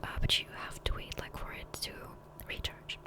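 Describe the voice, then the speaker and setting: An ASMR gaming creator, a woman, whispers softly and breathily right up against a close USB condenser microphone. She rambles casually at normal speed, poking fun at herself.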